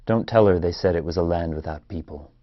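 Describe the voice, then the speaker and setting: In a play reading, an actor with a low, slightly fast, everyday-sounding voice plays an anxious, protective man in an Israeli family, his tone cautious. The recording is dull.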